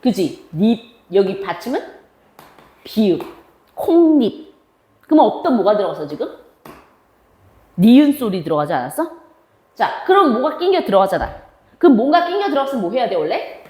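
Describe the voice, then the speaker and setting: A woman teacher gives a classroom grammar lecture, quizzing her students and answering her own questions as her pitch swings widely. She's very animated and fairly quick with long pauses, and her darkish voice carries a clear echo in a roomy space.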